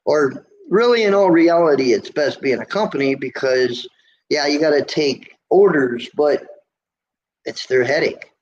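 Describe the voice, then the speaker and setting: Hosting a casual livestream from a motel room, a middle-aged American trucker with a squeaky voice answers viewer comments in a rambling, folksy manner. He uses lots of fillers and often restarts his sentences. The stream's audio is lo-fi with faint noise.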